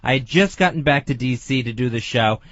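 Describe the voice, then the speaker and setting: A man's voice: mid-range voice, lively intonation, brisk, a bit bright, no room sound. A man who hosts radio, telling things casually into a studio microphone. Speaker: radio host. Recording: dry, dull lo-fi radio audio.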